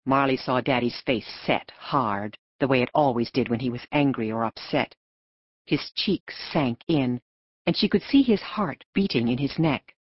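A woman reads a children's novel for a scripted audiobook in a low, husky voice whose pitch moves expressively. The recording is close and dry with no room sound, slightly dull and lo-fi.

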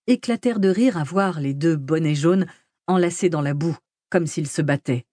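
A woman narrating a novel as an audiobook, in a measured, even storytelling manner, close to the mic. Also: low-pitched, no room sound. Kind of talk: scripted narration. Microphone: close studio mic.

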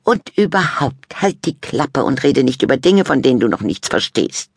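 A woman's voice: a bass voice, sing-song, normal speed, vocal fry, slightly rough, dry recording, clean studio sound, pitched above the performer's own voice, full character voice. A woman voicing a vain, bossy fourteen-year-old girl who talks in a boastful, snippy, sing-song way. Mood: bickering.

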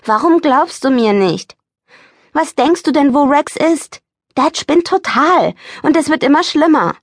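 A woman's voice: medium pitch, expressive, measured pace, darkish tone, husky, dry recording, studio quality. A woman voicing a young boy who is defiant and upset, speaking in indignant outbursts in an audiobook. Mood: upset, pleading.

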